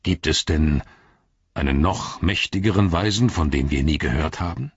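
A man's voice: extremely low pitch, normal speed, slightly rough, no room sound, muffled recording, heavily acted. A man voicing a weary aging king who speaks earnestly and tiredly in an audiobook reading. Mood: questioning. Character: weary aging king, proud but doubting.

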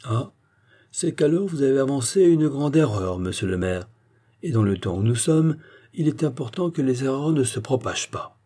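A man voicing a calm, stubborn village philosopher who argues point by point in an audiobook reading. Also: mid-range voice, moderate pace, voice pushed up, lightly acted. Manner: calm, almost gentle, arguing point by point.

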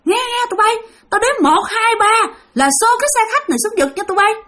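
A woman's voice: very high-pitched, very animated, quick pace, fairly bright tone, pitched above the performer's own voice, exaggerated voice. A woman voicing a bossy male ghost who urges his gang to push a bus off a cliff. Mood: urgent commanding. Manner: urgent, bossy, commanding.

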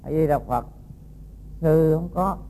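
A man voicing a humble monk who softly repeats a Buddhist chant and denies the accusation. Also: a little high, slow, rough recording. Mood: meek. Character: meek, patient old monk.

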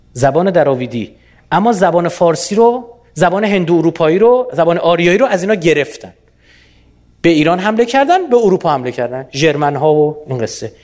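A man from Iran giving a lively public lecture, often quizzing his audience with rhetorical questions. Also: high voice.

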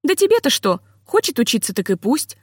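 A woman voicing a proud, devoted wife who breaks into shrill, sobbing outbursts in a storybook. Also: sing-song, fairly quick, breathy edge, dry recording, clean studio sound, heavily acted. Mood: sobbing, furious.

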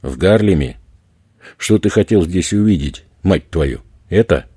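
A man doing a loud, crude street robber. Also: very deep voice, normal speed, husky, no room sound, clean studio sound. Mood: aggressive, yelling. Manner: loud, swearing, bullying. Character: rough male street robber, crude, menacing.

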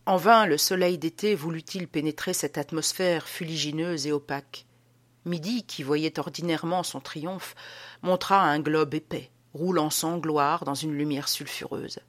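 A woman with a slightly low voice reads a classic novel as an audiobook. Her narration is measured and expressive, shaping each sentence with care.

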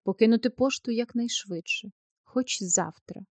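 A woman's voice: a little high, moderate pace, no room sound. A woman reading the part of a persuasive male doctor who courts a young woman, in a coaxing, earnest manner. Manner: earnest, coaxing, then defensive. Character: smooth-talking male doctor, persuasive suitor. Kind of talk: audiobook character reading.

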